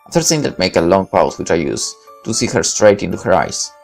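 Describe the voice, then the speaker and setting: Faint background music sits under a man's creaky voice as he dramatically narrates a visual novel in first person. He reads briskly, his pitch ranging lively throughout.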